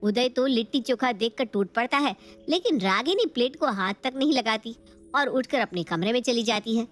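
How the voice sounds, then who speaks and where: A woman's voice: a little high, animated, moderate pace, faint music behind. A woman giving scripted narration of a cartoon story in a plain storytelling manner.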